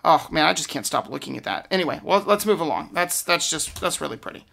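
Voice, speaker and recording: A man talks through a card pack opening in a bright, forward voice with a gravelly creak at its edges. His commentary is casual and unscripted, and he often hesitates or leaves a thought hanging. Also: fairly high pitch, lively intonation, fast talker.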